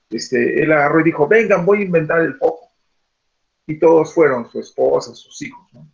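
A man's voice: medium pitch, creaky, lo-fi sound. A man teaching an online class, rambling with many fillers and rhetorical questions. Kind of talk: classroom talk over a video call.

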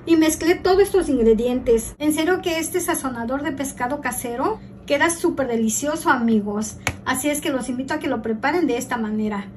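A middle-aged woman from Mexico with a Mexican accent hosts a home cooking tutorial. Her voice sits high, and she chats frankly and casually with her audience, calling them friends. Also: fairly quick, darkish tone, slight background noise. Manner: chatty, frank, addresses viewers as friends. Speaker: cooking channel host.

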